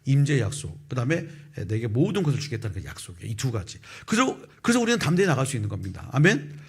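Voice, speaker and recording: A male pastor in his fifties preaching a sermon and telling a personal testimony, with lively storytelling that acts out the people in it. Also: medium pitch, quick pace, breathy edge. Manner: animated storytelling, acting out quoted voices. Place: church sanctuary.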